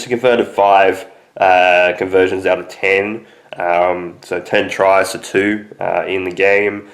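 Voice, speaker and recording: A young man with a nasal, stuffy voice from a cold, hosting a rambling casual sports recap full of ums. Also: sits low. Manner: rambling, heavy on fillers like um and obviously. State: sick with a cold, stuffy nose. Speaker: sports podcast host.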